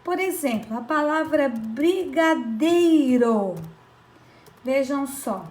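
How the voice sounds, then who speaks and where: A woman teacher explaining a grammar lesson to children, slow and patient, drawing out syllables and often checking that they follow. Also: high-pitched, lively intonation, darkish tone, reverberant.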